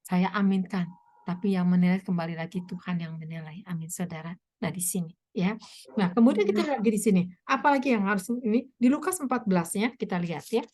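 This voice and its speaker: A woman evangelist preaching a sermon with a hoarse voice, telling stories and asking the listeners many rhetorical questions. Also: mid-range voice, quick pace. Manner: animated storytelling, frequent rhetorical questions. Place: online meeting.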